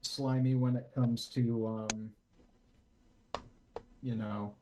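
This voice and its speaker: A man's voice: mid-range voice, level tone, drawn-out words, mellow, a little hiss or hum, low-quality recording. A man playing a tabletop game, chatting casually with a hesitant, stammering delivery.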